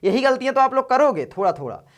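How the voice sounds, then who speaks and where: A man's voice: extremely high pitch, very animated, fast talker. Casual Hindi exam-prep teacher, man. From northern India. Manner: casual, chatty, addresses students as brothers.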